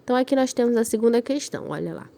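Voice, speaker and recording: With lively intonation and rapid-fire delivery, a woman teaches a recorded primary school lesson, checking with her pupils after every step. Her slightly high voice is gravelly yet mellow and carries a northern Brazilian accent, with slight background noise.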